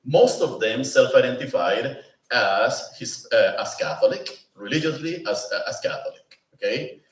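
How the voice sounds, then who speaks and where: A man's voice: mid-range voice, lively intonation, normal speed. A man giving a conversational lecture as a presenter at a pastoral institute, often asking the room "no?" and "you know?". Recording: roomy, mic at a distance.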